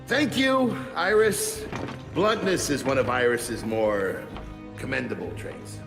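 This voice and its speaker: A sarcastic workshop engineer. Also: male voice, mid-range voice, lively intonation, creaky. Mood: sardonic. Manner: quick sarcastic quips. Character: sardonic male engineer running a workshop. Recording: game music behind.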